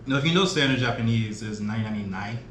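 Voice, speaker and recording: A man's voice: lowish voice, fairly quick, a bit bright. A man in his twenties chatting casually as an interview guest, often searching for his words. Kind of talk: casual chat. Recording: echoey room with background noise.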